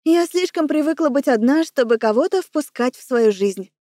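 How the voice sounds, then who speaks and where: A woman's voice: sits high, lively intonation, moderate pace, dark tone, no room sound, clean studio sound. A woman voicing a sly, teasing young female friend in a storybook, with a playful, mocking manner.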